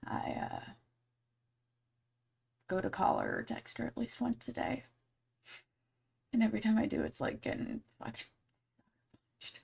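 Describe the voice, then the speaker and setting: A woman's voice: on the high side, wildly swooping pitch, unhurried, vocal fry, long pauses, a little mellow, breathy edge. A woman hosting a podcast live stream in casual chat, candid and blunt, swearing freely and rambling with many fillers. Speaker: podcast host.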